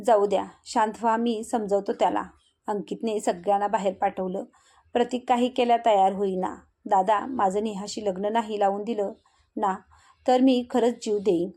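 A woman's voice: on the high side, dark tone. A woman reading a heartfelt family story aloud, narrating steadily and speaking the characters' lines in her own voice.

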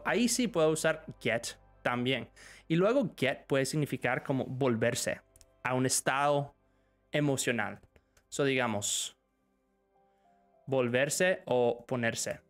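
A man's voice: mid-range voice, fairly bright tone. Man, live stream English lesson, switches languages, answers chat, faint music underneath. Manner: switches between Spanish and English, reads questions aloud.

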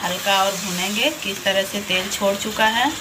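This home cooking channel host has a medium-pitched, steady voice at normal speed. She explains the recipe step by step in a patient, instructive voice-over, repeating "dekhiye" to point things out, while a pan sizzles and is stirred loudly in her kitchen, with the frying noise loud under her voice.

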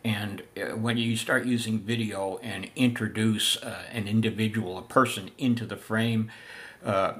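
An older man giving a casual spoken history lesson, unhurried with many filler pauses, seated in a room full of antiques. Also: lowish voice, fairly even intonation, a bit bright. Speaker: living history presenter.

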